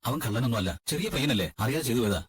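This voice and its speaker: A man's voice: mid-range voice, animated, rapid-fire, husky. A man dubbing a pleading young husband. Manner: pleading, earnest. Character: devoted young husband defending his family. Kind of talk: amateur Malayalam fan dub.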